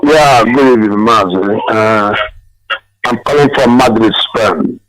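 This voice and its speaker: A man's voice: on the low side, a little slow, crowd noise. A male caller speaking over a phone line on a live call-in broadcast, earnest and emphatic, repeating his key phrases.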